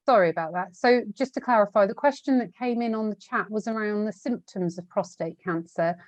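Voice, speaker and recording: A woman co-hosting over an online call, clearly summarising questions and answers from the chat. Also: medium pitch, fairly quick, no room sound. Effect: online call audio. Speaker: webinar co-host reading chat questions. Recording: dull lo-fi call line, dry.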